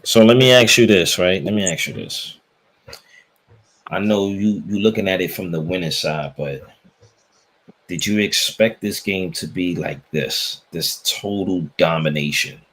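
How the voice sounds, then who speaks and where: Deep, husky American man hosting sports chat. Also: measured pace, fairly bright tone. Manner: opinionated, repeats phrases for emphasis. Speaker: talk show host.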